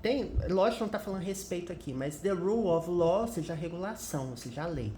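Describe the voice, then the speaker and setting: A woman's voice: fairly low pitch, lively intonation, fast, warm tone, slight background noise. A woman, an English teacher patiently explaining a news article word by word. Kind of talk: commented reading of a news article. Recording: echoey room.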